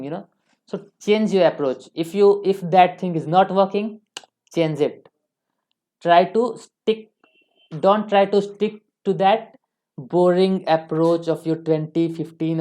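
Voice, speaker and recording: Tutor type: low-voiced woman with an Indian accent, earnest and advising, restarts a lot. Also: a little slow, mellow. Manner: earnest, advising, frequent self-corrections. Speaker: English tutor. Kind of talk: instructional talk to camera.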